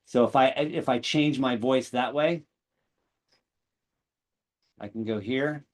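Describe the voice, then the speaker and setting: A man hosting an online meetup, talking through a live software demo, rambling and correcting himself as he goes. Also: medium pitch, takes it slowly. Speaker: meetup host.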